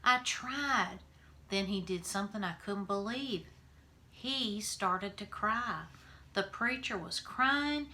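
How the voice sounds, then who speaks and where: A woman reading a children's novel aloud and then talking about it in a relaxed way, with fillers. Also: mid-range voice, slow pace.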